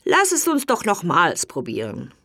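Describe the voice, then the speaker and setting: A woman's voice: fairly low pitch, wildly swooping pitch, normal speed, a bit bright, no room sound, studio quality, full character voice. A woman voicing envious scheming older brothers. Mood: grudging.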